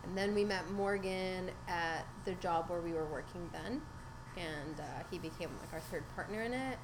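A young woman from Hungary, a music event organizer, telling her story in a relaxed, casual way full of likes and ums. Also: on the low side, moderate pace. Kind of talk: casual interview answers. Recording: noisy ambience behind.

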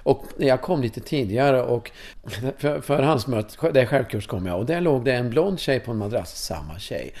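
A man in his fifties from Sweden, a course leader telling personal stories in an interview in a casual, animated way. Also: medium pitch. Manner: animated, casual, swears, tag questions. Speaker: course leader in sexuality and breathwork.

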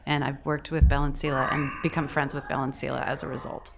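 Low-voiced woman, thoughtful volunteer. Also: little pitch movement, fast talker, creaky, background noise. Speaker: volunteer mentor. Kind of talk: casual interview talk.

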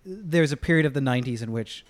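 A man, a comedian guest on a podcast, telling rambling, self-mocking stories in an animated way. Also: medium pitch, fast, no room sound. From United States. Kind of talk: casual chat.

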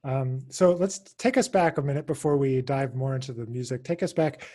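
A man hosting a podcast, asking relaxed questions with the odd filler. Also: mid-range voice, a little fast. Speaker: podcast host. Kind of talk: casual interview chat.

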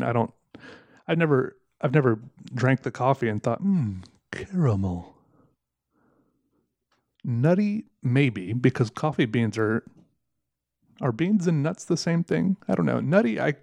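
Man, casual solo chat, rambling and wry, mid pitch, dry close-miked sound. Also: gravelly, darkish tone, no echo. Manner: rambling, self-correcting, wry. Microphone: close microphone.

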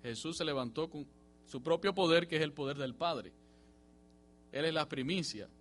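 A man preaching a sermon in a church, swinging from emphatic rising bursts to quiet, low passages. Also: normal speed. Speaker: pastor.

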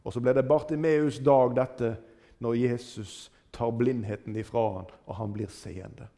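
A man preaching a sermon, retelling stories with dramatic rises and falls in his voice. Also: fairly even intonation. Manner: dramatic retelling with wide swings in pitch and loudness.

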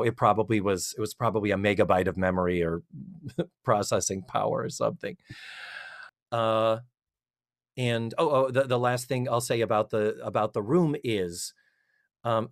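A middle-aged podcast co-host in casual chat, retelling a TV episode in a rambling way and acting out the characters' lines. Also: medium pitch. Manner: animated, rambling storyteller who acts out quotes.

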